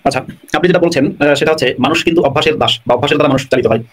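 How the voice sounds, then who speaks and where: A guest scholar on a live online talk show answers viewers' questions, explaining at length, talking fast and repeating his points and phrases. His voice is fairly high-pitched with a breathy edge.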